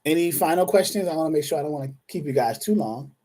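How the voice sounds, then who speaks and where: A man's voice: a little high, fast talker, warm tone. A man hosting a live online question-and-answer session as a dispatcher trainer, talking casually, addressing viewers by name and thinking aloud with frequent restarts.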